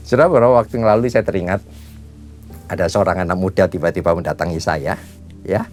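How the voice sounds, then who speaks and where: A man in his fifties preaching a sermon as a pastor, animated, with sudden leaps in pitch, often calling for amen. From Indonesia. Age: 50s.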